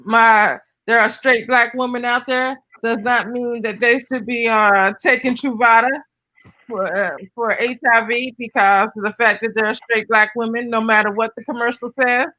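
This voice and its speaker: Woman, panelist, firm and earnest, bright tense voice, somewhat high. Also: steady tone, moderate pace, low-quality recording. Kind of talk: casual panel discussion.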